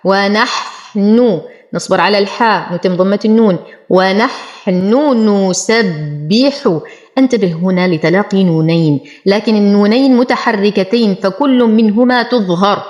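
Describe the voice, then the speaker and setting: A woman teaching Quran recitation, explaining the rules of each word and then reciting it slowly and deliberately. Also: medium pitch, a little mellow, lo-fi sound. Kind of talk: tajweed lesson with slow recited examples.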